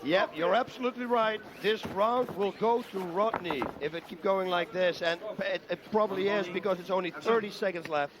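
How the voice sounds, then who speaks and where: A man's voice: high-pitched, moderate pace, few pauses, noisy background. A man giving live color commentary on a fight, urging tactics in a repetitive, coaching-like way. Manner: urgent, repetitive coaching-style analysis. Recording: live over a loud arena crowd. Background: roaring fight crowd.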